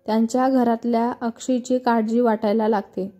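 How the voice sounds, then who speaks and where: A woman narrating a scripted romance story in a steady, even reading. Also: fairly high pitch, moderate pace.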